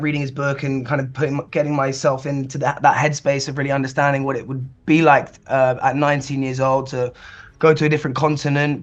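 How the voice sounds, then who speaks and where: A man's voice: mid-range voice, muffled recording. A man in his twenties, an actor, answering earnestly with many fillers. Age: 20s. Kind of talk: press interview.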